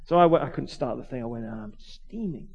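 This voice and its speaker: A man, a vicar, preaching by telling a lively personal story, acting out the voices of the people in it and often restarting his words. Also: mid-range voice, creaky, dull audio. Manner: animated, acts out voices, quick restarts. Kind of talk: storytelling sermon.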